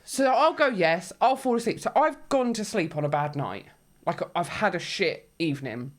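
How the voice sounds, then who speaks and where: A woman's voice: fairly low pitch, lively intonation, moderate pace. A woman in her thirties, a podcast co-host chatting casually and bluntly, swearing and laughing often. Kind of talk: casual chat.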